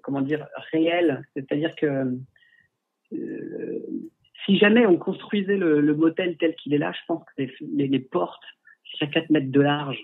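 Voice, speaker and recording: Over husky, tinny call audio that sounds phone-like, a man from France, a photographer, chats on a livestream answering viewer questions via headset. His voice is slightly husky, a little high and sing-song, and a little slow. He's hesitant, repeatedly stumbling and circling back with fillers and restarts.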